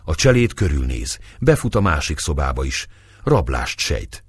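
A man narrating an audiobook in an expressive, dramatic way. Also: rumbling low, slightly rough, no echo, studio quality.

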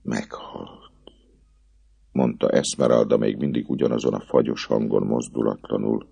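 A man narrating an audiobook with a dramatic, expressive reading. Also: extremely low pitch, creaky, breathy edge, dry recording.

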